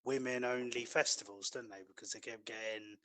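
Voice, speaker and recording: A man's voice: medium pitch, steady tone, a little fast, fairly bright tone. Blunt, sweary man in casual banter. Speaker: podcast co-host.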